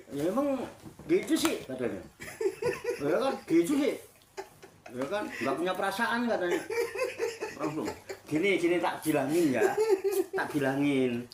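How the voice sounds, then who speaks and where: A male Islamic cleric with a Javanese accent leads a funny religious discussion, animated and teasing, repeating phrases for effect. His voice is high-pitched, and the recording is reverberant with a noisy background.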